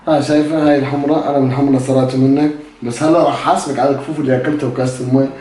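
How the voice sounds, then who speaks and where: A man's voice: mid-range voice, fairly even intonation, rapid-fire, warm tone, slight background noise. A man hosting a prank vlog, defensive and evasive, laughing off his wife's accusations. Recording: roomy echo, far from mic.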